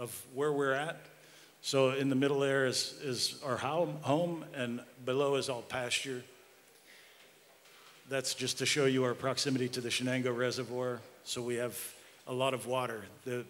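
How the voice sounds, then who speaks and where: A man's voice: medium pitch, a bit bright. Male American farmer, informal conference talk, mid-range voice, reverberant hall with background noise. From Pennsylvania, United States. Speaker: guest speaker, regenerative livestock farmer.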